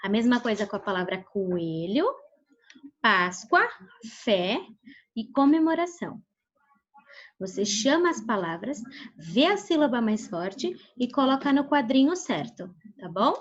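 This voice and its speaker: Patient Brazilian teacher on a video call. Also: female voice, on the high side, sing-song. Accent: Brazilian Portuguese. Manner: patient, checks in with "tá bom?" often, stretches syllables slowly when modeling words. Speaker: primary school teacher. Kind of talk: online class instruction. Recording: dull lo-fi video call audio.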